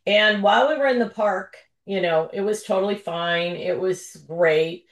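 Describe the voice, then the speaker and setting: A woman's voice: mid-range voice, normal speed, echoey room. A woman joining a video call, sharing a personal story emotionally, with many fillers and restarts. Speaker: participant.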